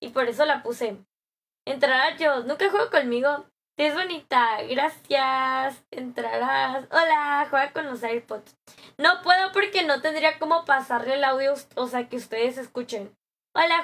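A young Mexican woman streaming live, chatting with viewers in a bubbly, slangy way, her voice a little hoarse from a sore throat. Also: sits high, unhurried, a bit bright. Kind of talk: live stream chat, greeting viewers and reading comments.

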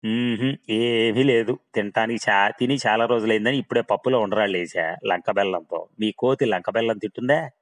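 A loud young wife from a village with a sharp tongue, mocking her guests and grumbling. She talks with a big, open voice, acted by a man reading the story. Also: fairly low pitch, a little fast, close to an everyday voice.

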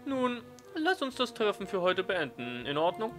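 Man acting a higher-voiced, easygoing male schoolteacher. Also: wildly swooping pitch, moderate pace, faint music behind. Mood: businesslike.

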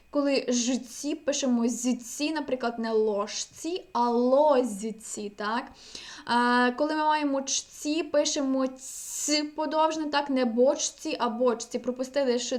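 High-voiced woman teaching an online lesson. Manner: energetic, checks in with "так?" often. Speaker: language teacher. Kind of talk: online exam-prep lecture.

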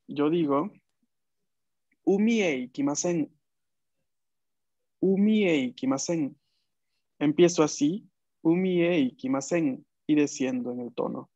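A man's voice: on the high side, mellow. A man teaching an online class, patiently repeating phrases for students to echo back. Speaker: language teacher. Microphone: video call. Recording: dull dry video-call audio.

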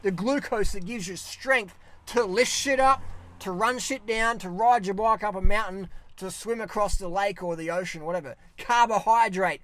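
In a casual ranting vlog filmed on his parked car's dashboard camera, a young Australian man speaks in a high voice at a moderate pace. He's blunt, swears a lot and gestures animatedly.

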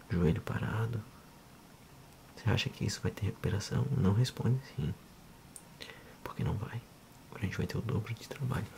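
In an ASMR role-play, a Brazilian-accented man in his thirties speaks as a physiotherapist to the listener, hushed, soft and never rushed. His voice sits fairly low and has a creaky quality.

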